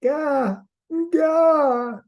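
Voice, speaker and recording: A man's voice: very high voice, very slow, vocal fry, highs cut off, voice pushed up, heavily acted. A man voicing a raven trickster in a tale, as a fussing baby boy and cawing bird, in short babbles and cries. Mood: insistent, fussing.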